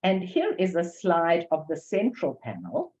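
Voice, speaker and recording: With a lowish, darkish voice that swings hugely in pitch, an older woman speaks a little slowly in a South African English accent. As an academic presenter, she reads carefully from a prepared lecture and reads poetry aloud. The sound quality is dull and lo-fi.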